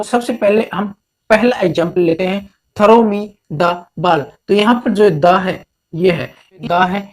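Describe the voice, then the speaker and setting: A man from India teaching a grammar lesson, repeating each point slowly and mixing English terms into his Hindi. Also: sits high, darkish tone.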